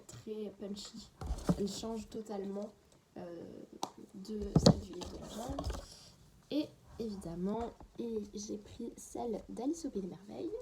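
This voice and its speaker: A woman's voice: mid-range voice, mellow, a little hiss or hum. A woman in a casual, unedited beauty haul, chatting away and often dropping into a half-whisper. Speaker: beauty vlogger.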